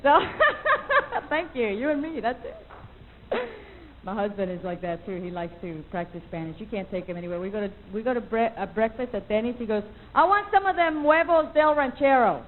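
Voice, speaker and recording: A woman performing a stand-up comedy set, chatty and animated, slipping into playful quoted voices. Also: medium pitch, fairly quick, slight background noise. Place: comedy club stage. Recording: lo-fi VHS tape recording.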